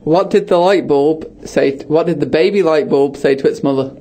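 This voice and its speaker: A man's voice: a little high, normal speed, mellow. A young man co-hosting a student radio show, teasing his friends and telling groan-worthy puns in casual banter. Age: young adult. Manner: teasing, bad-pun joking.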